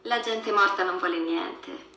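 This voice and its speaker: A woman's voice: lowish voice, a little slow, sharp tone, distant mic. An actress playing a composed, serious woman in a dubbed Italian TV drama. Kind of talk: Italian TV series dubbing. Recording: echoey TV playback with background noise.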